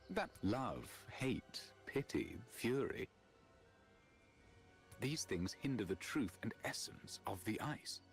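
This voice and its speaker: A man acting a haughty, scandalized aristocratic ice artist in a video game, fastidious and pompous in his theatrical delivery. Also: on the low side.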